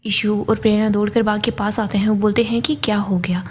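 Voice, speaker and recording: A woman narrating a recap of a TV serial in a steady, matter-of-fact way. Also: mid-range voice, brisk, slight background noise. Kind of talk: casual scripted narration.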